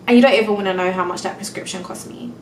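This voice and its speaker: A woman's voice: mid-range voice, steady tone, racing, darkish tone, reverberant. Young woman ranting about her pain, fed up, teary, far from the mic, bit of room hum. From England. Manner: exasperated, venting, frequent "like" and "do you know what I mean". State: close to tears, in pain. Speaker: vlogger. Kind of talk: casual storytime vlog.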